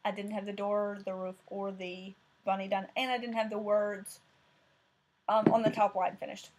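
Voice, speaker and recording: This woman's medium-pitched voice keeps a level tone at a moderate pace as she hosts a crafting vlog. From Tennessee with a thick Southern accent, she chats about cross-stitch projects, rambling a little and often using fillers and self-corrections.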